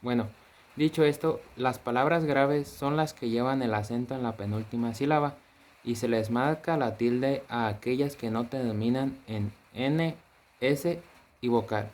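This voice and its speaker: A man's voice: medium pitch, measured pace, a little mellow. A man student giving a class presentation, polite and orderly, reading example words and moving on with short fillers. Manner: polite, orderly, uses "bueno" to move on.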